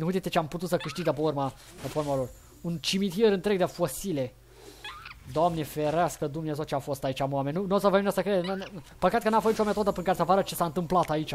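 A young man giving loud, excitable live commentary on a game he is playing, full of exclamations and playful taunts. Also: sits high, slight background noise. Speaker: gaming livestreamer.

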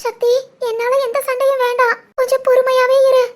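Woman doing a super high teary young wife, cartoon drama, tirunelveli accent. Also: level tone, fairly quick. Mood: tearful. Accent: Tirunelveli Tamil. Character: heartbroken young wife, tearful and yearning.

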